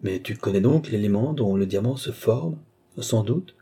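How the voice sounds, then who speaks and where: A man's voice: lowish voice, expressive, normal speed, warm tone, breathy edge, exaggerated voice. Man reading as Lorenza, serene young seer. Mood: assured.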